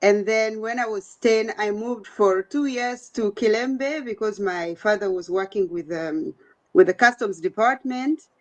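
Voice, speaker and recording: A woman's voice: medium pitch, measured pace, darkish tone, lo-fi sound. A middle-aged woman from Uganda, a guest in an online interview, speaking conversationally with frequent fillers over a video call. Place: home, The Hague.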